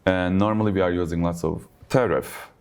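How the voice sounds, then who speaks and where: Low-voiced Turkish-born man being interviewed. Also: fairly quick, clear, resonant tone. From Turkey. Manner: relaxed, uses many fillers like "like" and "basically". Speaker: logistics business owner. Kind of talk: conversational interview. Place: conference event.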